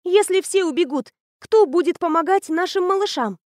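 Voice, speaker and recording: A bubbly fifteen-year-old girl, as a woman reader puts her on, high and bright as she chatters fast with eager know-it-all excitement. The storybook voice is dry and close, with no room around it. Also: no room sound. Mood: triumphant. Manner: rapid, gushing, breathless enthusiasm.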